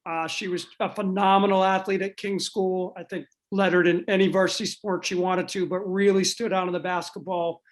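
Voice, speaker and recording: A man's voice: high voice, little pitch movement, normal speed, hardly any pauses. A man hosting an online school panel, introducing guests enthusiastically with frequent "uh"s. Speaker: dean of athletics, event host.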